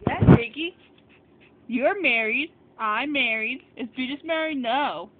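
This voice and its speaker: Female vlogger, high voice, bored rambling chat, tinny phone-like sound. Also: lively intonation, a little slow. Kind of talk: casual chat to camera. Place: at home, lying down. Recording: tinny lo-fi audio with faint hiss.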